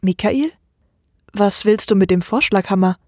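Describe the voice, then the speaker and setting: Woman doing a pleading young wife, pitched up. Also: measured pace, no room sound, studio quality, natural voice. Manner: raised, bright and earnest.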